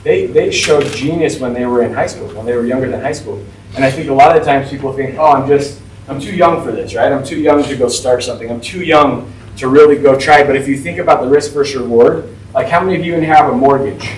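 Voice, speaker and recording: A forty-year-old man talks casually to a class as a guest speaker, chatty and loose. His voice sits at an everyday pitch. It comes from a distance in an echoey room with faint noise behind. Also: fast talker. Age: 40s. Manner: chatty, informal, lots of "like" and "right?". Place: school classroom.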